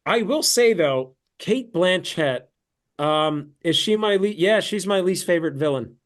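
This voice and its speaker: A man's voice: sits high, expressive, a little slow. Rambling American man on a video call. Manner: rambling, many fillers and restarts. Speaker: actor and guest. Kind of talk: casual film discussion.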